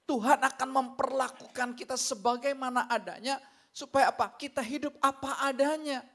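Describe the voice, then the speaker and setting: A man's voice: very high voice, steady tone, moderate pace, a bit bright. A male pastor preaching a sermon, telling stories, acting out the people in them and asking the congregation to agree. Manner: storytelling, acts out quoted voices.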